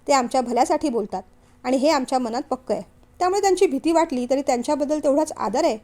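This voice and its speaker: A woman's voice: high voice, warm tone. A woman reading a young man's lines in a family novel, firm and earnest. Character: young man, firm devoted son, steady.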